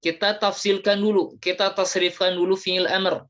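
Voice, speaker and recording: A teacher giving an Arabic grammar lesson, slowly drilling word forms one by one with many repetitions. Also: mid-range voice, flat delivery, highs cut off. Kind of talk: classroom lesson.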